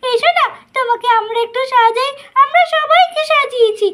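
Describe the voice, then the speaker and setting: A woman doing squeaky little girls playing. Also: fairly quick, heavy background noise. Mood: pleading. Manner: chattering, pleading, singsong. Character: bossy playful little girls. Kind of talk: doll play storytelling.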